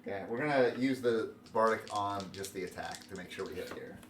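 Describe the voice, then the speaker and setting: A man narrating as dungeon master of a tabletop game, excitable and quick to laugh. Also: on the low side, noisy background. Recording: echoey room, mic far off.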